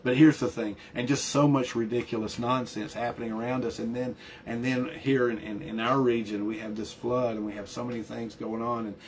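A male pastor delivers a sermon in an earnest, emphatic way, circling back on his words as he pushes each point home. His voice sits at an ordinary middle pitch. A faint hiss of background noise runs under the recording. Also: flat delivery, a little fast, hardly any pauses. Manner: earnest, emphatic preaching with frequent restarts and repeated words.

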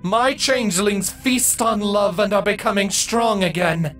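A man's voice: high-pitched, a little slow, fairly bright tone, faint music behind, voice pushed up. A man voicing a tall, regal female changeling queen who speaks in a stately, courteous way.

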